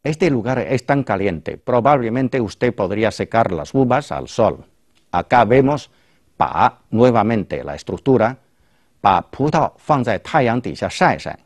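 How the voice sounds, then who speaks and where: A male host teaching a language lesson, explaining each phrase clearly. His pitch moves a lot as he talks, and the voice sounds close and dry with no room echo. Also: very animated, unhurried. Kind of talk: explaining Chinese to a Spanish-speaking audience.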